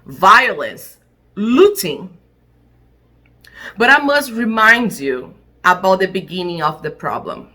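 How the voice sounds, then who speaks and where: An immigrant woman who works as an attorney gives an impassioned personal statement in English, which is not her first language. She speaks in short, deliberate, emphatic phrases with a slightly high, bright and forceful voice.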